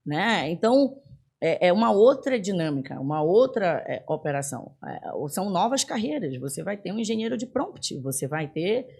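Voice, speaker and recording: A woman in her forties from northern Brazil, a guest in a casual interview, talking in an animated way with frequent fillers and restarts. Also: fairly low pitch, normal speed, vocal fry, husky. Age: 40s. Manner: animated, laughs often, many fillers and restarts. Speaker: podcast guest.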